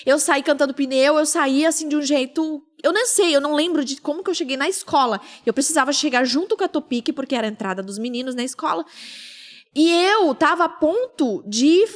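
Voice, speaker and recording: High-voiced woman telling an emotional story. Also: expressive, a little fast. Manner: emotional storytelling, acts out quoted speech. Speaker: podcast host. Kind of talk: casual podcast chat.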